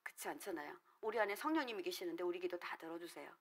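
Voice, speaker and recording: A woman's voice: on the low side, lively intonation, racing, creaky. A middle-aged woman pastor, also a counselor, giving an earnest, explanatory sermon at a prayer meeting, with frequent filler words. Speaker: counselor trained in dream analysis.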